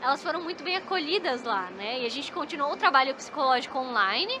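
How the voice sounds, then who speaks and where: A Brazilian esports psychologist, whose first language is Portuguese, chats as a podcast guest in a high voice with lively intonation and a quick pace. Her Brazilian Portuguese accent comes through, and she keeps tagging sentences with "né?" amid a noisy background.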